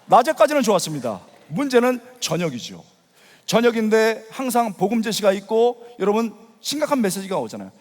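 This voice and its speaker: Brief: middle-aged male pastor, high and very expressive voice, big church reverb. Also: a little hiss or hum. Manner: animated storytelling, acting out his younger self with sudden loud outbursts. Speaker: pastor preaching at a youth worship rally. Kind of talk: sermon. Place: large church sanctuary. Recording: long hall reverb.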